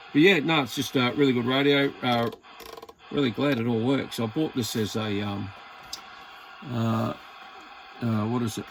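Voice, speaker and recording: The recording is rough, with slight background noise, and the man's voice is mid-range. Speaking with an Australian accent, he rambles easily and a little hesitantly while showing off equipment in a casual hobby video.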